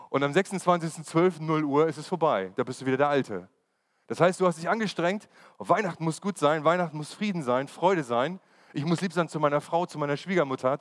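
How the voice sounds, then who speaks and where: A man giving a conversational sermon and putting questions to his congregation. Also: fairly high pitch. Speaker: preacher. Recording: long hall reverb.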